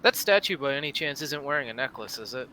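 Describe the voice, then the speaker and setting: Bright-voiced male player. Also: medium pitch, expressive, fast talker, a little hiss or hum. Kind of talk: casual tabletop game chat.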